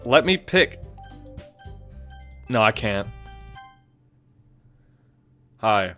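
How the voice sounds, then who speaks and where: A young man hosting a game playthrough, excitable and joking, laughing often. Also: lowish voice, slow, faint music behind. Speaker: let's play host. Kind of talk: casual game commentary.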